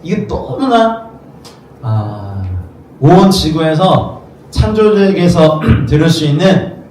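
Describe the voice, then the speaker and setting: Preaching as pastor in a rented studio that serves as a worship space, this man talks conversationally and often voices the characters in his story. His voice is a little high and darkish, very animated but slow-paced. The room echoes, the mic is far off, and there's faint noise.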